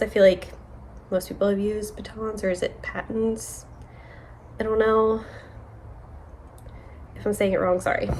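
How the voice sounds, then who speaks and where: A young woman chatting casually on her knitting vlog, rambling with many fillers and quick self-corrections. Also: medium pitch. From United States. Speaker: knitting vlogger. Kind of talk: casual show-and-tell chat.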